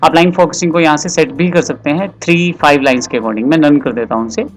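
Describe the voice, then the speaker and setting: A man giving a patient, step-by-step software tutorial voice-over as a computer course tutor. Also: on the high side, brisk, soft background music.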